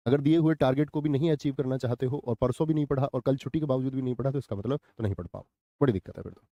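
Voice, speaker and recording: A man's voice: mid-range voice, warm tone, dry recording, studio quality. A man teaching a live online grammar class who asks the viewers questions and repeats the answers.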